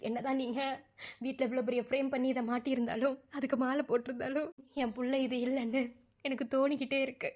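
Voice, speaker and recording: This is a grieving mother in an animated drama, voiced by a woman. Her voice sits high, and she pleads with steady insistence that her son still lives. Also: quick pace. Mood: sorrowful. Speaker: cartoon voice actor.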